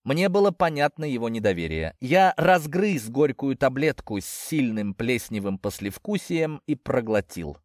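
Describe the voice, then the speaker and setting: A man narrating an audiobook in the first person, in a lively, sardonic way. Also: mid-range voice, moderate pace, few pauses, no room sound, studio quality.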